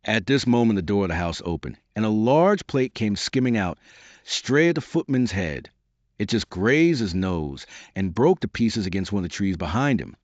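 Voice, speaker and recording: Male audiobook narrator, low, animated storytelling. Dull, dry lo-fi recording. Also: normal speed, no echo. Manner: lively, expressive storytelling. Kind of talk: scripted narration of a classic tale.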